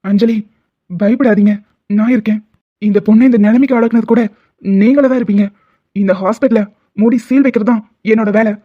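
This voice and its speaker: A woman's voice: fairly high pitch, fairly even intonation, fairly quick, long pauses, lightly acted. A woman voicing a determined male doctor. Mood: firm reassuring. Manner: reassuring, firm. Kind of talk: cartoon voice acting. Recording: tinny phone-like sound.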